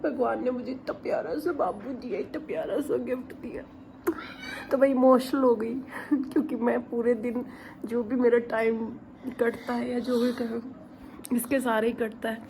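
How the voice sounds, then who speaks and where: A young woman filming a casual family vlog at home, chatting to the camera and switching to a high sing-song voice when she talks to her baby. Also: fairly even intonation, normal speed, gravelly, warm tone, slight background noise. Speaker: vlogger mother. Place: home indoors.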